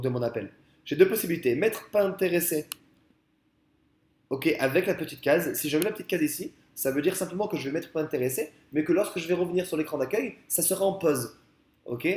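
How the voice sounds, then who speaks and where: French man explaining software, echoey room. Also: on the high side. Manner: casual and explanatory, many fillers and restarts. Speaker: software trainer. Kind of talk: screen-recorded software tutorial. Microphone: headset.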